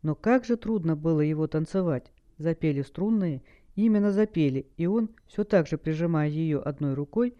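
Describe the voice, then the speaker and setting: A male audiobook narrator who reads a fantasy story in a measured, expressive way. His voice sits a touch high but sounds mellow and soft. The recording is dull and lo-fi. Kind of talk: scripted narration.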